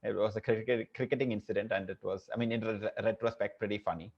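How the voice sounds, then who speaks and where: A man's voice: lowish voice, steady tone, fast. A man with an Indian accent co-hosting a casual podcast, rambling and hesitant with many fillers. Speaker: podcast co-host. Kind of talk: casual chat. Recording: dull lo-fi audio.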